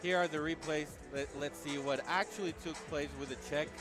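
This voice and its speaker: Higher-voiced male fight analyst, music behind. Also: steady tone, brisk. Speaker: fight commentator. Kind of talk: MMA analysis commentary.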